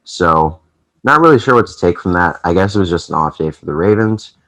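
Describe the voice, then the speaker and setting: A young man hosts a casual esports recap vlog for his channel, chatting and rambling with plenty of fillers. His voice is deep, animated, a bit bright, and a little fast. Allergies make it sound slightly off.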